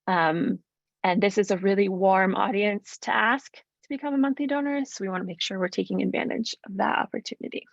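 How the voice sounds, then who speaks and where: A woman leads an online training session in a relaxed, chatty way, often filling pauses with ums. Her voice has a gravelly, fry-tinged edge and sits close and dry. The sound is dull and lo-fi, like audio from a video call. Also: mid-range voice, no room sound. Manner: friendly, conversational, frequent ums. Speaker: nonprofit fundraising trainer. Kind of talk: webinar presentation.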